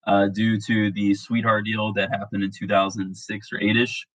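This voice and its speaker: Man, sick, monotone, rambling, casual monologue, lowish voice. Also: normal speed, poor audio. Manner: rambling, with many fillers and restarts. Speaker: political commentary vlogger.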